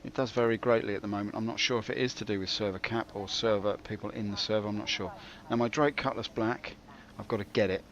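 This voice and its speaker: A man gives rambling game commentary in a somewhat low voice. He is dry and self-mocking and wanders off on tangents. There is faint noise behind him. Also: steady tone, quick pace, fairly bright tone, dull audio. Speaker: gaming video host.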